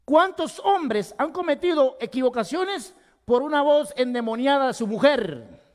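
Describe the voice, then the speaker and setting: Impassioned high-voiced male pastor preaching. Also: animated, a little slow. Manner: impassioned preaching that swings between loud emphasis and hushed tones. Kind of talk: sermon. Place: church sanctuary. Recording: long hall reverb.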